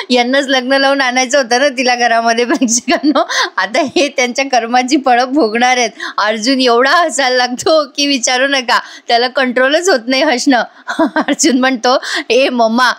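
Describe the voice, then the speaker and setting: A woman's voice: high-pitched, a bit bright. A woman giving a chatty voice-over recap of a TV serial episode, often laughing, talking straight to her viewers and acting out the characters' lines. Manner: addresses viewers directly. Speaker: TV serial reviewer.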